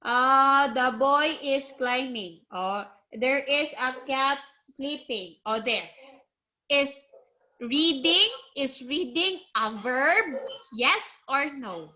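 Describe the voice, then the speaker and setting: High, bright-voiced patient teacher woman. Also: dull audio. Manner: patient, slow, repeats words for the learner to copy; encouraging, praises answers. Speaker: English teacher. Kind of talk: one-on-one English lesson with a child.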